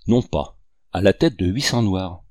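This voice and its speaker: A man's voice: sits low, expressive, measured pace, a little mellow, no echo, clean studio sound. A man voicing a jovial Creole general in his thirties bringing urgent news.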